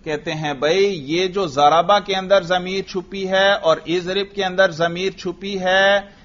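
A man with a Pakistani Urdu accent lectures his class on grammar in a fairly high voice. He explains each point patiently, putting questions to the students and answering them himself. The recording is muffled and lo-fi. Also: steady tone, a little slow, a bit bright. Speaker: teacher.

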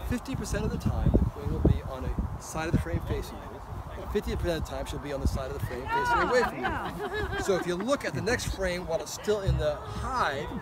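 A man's voice: fairly high pitch, big pitch swings, a little fast, very noisy. A man teaching a hands-on beekeeping demonstration at an outdoor apiary, giving practical instructions and often checking in with "okay?".

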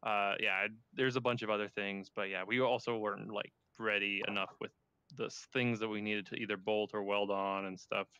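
A man's voice: on the low side, level tone, normal speed, pushed and bright, clean tone, dry recording, dull audio. A young man chatting casually with fellow sim racers over voice chat, rambling with lots of fillers. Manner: rambling, filler-heavy, laid-back. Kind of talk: casual chat among friends on voice chat.

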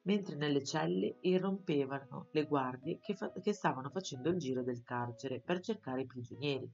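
A woman reading a children's novel aloud for schoolchildren, in an expressive storytelling style. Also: deep voice, muffled recording. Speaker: audiobook reader for schoolchildren. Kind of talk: storybook narration.

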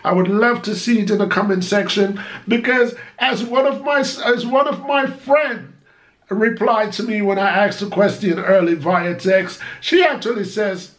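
Sitting high in pitch and speaking unhurriedly, a Jamaican man in his 40s vlogs from his small home office. He talks casually to the camera, lively and gesturing throughout.

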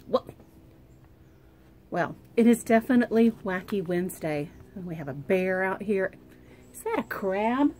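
A woman, a preschool teacher, reading a picture book aloud to young children in an animated, expressive way, with hushed asides, recorded on a phone camera. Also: fairly low pitch, slight background noise.

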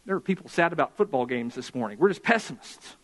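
A man preaching a Sunday sermon as pastor of a church, impassioned and slowing down to stress key words. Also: mid-range voice, expressive, a bit bright. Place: church sanctuary.

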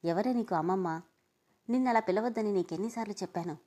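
A woman playing a spiteful old grandmother who sneers and taunts. The voice is mellow and soft-edged, read aloud in a family storybook. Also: medium pitch, fast talker, natural voice. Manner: taunting, contemptuous.

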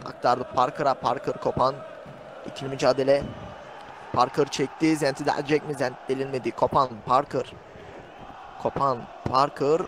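A man's voice: medium pitch, background noise. Man rattling off live game commentary. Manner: rapid calling of player names, bursts of shouting. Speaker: play-by-play commentator. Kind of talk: esports match commentary.

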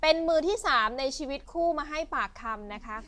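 A woman's voice: high-pitched, animated, fairly quick, fairly bright tone. A woman talk show host introducing the next guests. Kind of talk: show announcement.

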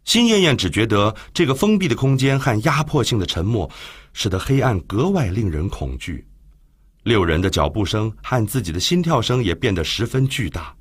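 A man narrating an audiobook in an expressive storytelling manner. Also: on the low side, moderate pace, husky. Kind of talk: scripted narration.

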